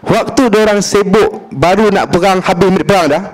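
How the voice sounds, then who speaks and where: Malaysian male preacher, colloquial and playful, acts out the dialogue; voice sits a bit high. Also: normal speed. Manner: lively, humorous, acts out dialogue; colloquial, mixes in English words. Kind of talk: religious lecture storytelling.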